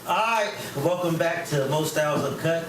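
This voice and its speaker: A man's voice: on the high side, normal speed, crowd noise. A man hosting a casual panel talk, loose and joking. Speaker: host. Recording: echoey room, mic far off, noisy.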